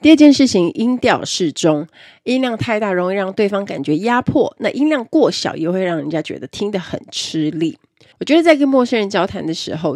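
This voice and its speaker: A woman's voice: mid-range voice, a little mellow, no room sound, clean studio sound. A woman presenting an instructional talk on speaking skills, explaining step by step and stressing key words in her lists. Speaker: self-improvement presenter.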